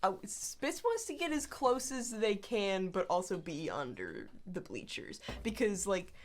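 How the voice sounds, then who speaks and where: A woman's voice: mid-range voice, big pitch swings, a little slow. A woman playing a tabletop game, chatting in a casual, playful, informal way.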